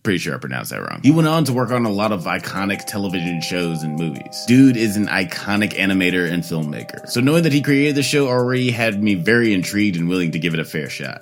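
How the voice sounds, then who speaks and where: A man with a fairly low voice hosts a casual video review. He talks in a slangy, irreverent way and swears freely. Music plays clearly behind him.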